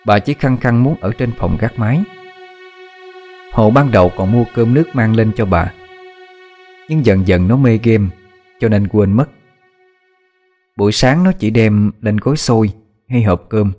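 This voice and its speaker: A man narrating a dramatic horror story in a measured, expressive storytelling manner. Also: fairly low pitch. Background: faint music.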